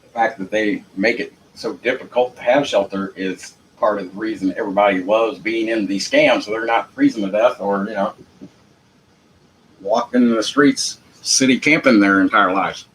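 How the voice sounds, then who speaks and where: Southern us guy rambling on, lowish voice, folksy and unpolished, bit of noise behind him. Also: normal speed, a bit bright, rough recording. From Jacksonville, United States. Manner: folksy, unpolished, repeats phrases for emphasis. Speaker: amateur legal commentator. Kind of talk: informal rambling monologue. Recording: noticeable background noise.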